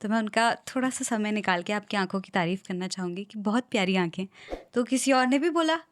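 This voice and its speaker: A woman's voice: medium pitch, lively intonation, a little fast, a little hiss or hum. A woman hosting an interview, asking questions in a friendly, chatty way. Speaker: podcast host, interviewer. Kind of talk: casual interview conversation.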